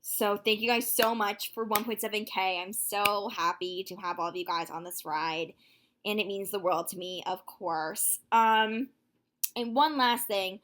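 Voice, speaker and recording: A nineteen-year-old woman talking casually to her viewers in a vlog, chatty and full of fillers, quick to exclaim. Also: mid-range voice. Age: young adult, nineteen. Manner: excitable, quick to gasp and exclaim. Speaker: vlogger.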